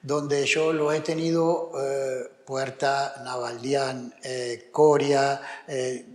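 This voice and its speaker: A man's voice: medium pitch, level tone, extremely slow. A middle-aged man from Argentina with an Argentine Spanish accent, a tennis coach answering interview questions hesitantly, with many fillers and restarts, growing emphatic. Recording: echoey room with long reverb.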